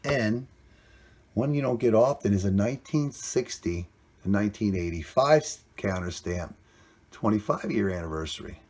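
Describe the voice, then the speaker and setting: A man with a lowish, slightly dark voice hosts a coin roll hunting vlog, speaking animatedly at a moderate pace. Recorded indoors on a camera mic, he's chatty and plainspoken and sounds upbeat about each find.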